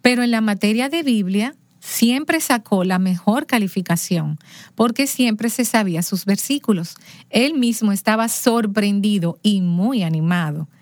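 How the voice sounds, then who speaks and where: Animated woman storyteller, dry close sound. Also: medium pitch, unhurried, no echo. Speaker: interview guest. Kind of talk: personal storytelling in conversation.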